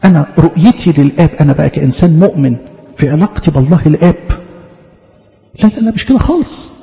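A man's voice: on the high side, expressive, fast, gravelly, mellow. A man with an Egyptian Arabic accent preaching a teaching sermon, arguing through rhetorical questions and emphatic repeated denials. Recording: echoey hall, dull lo-fi sound.

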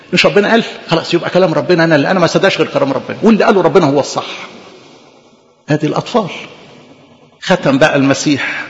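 A man with an Egyptian accent preaching a sermon in an animated, conversational way, full of rhetorical questions. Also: fairly high pitch, very fast, long pauses, big-room sound, dull audio. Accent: Egyptian Arabic.

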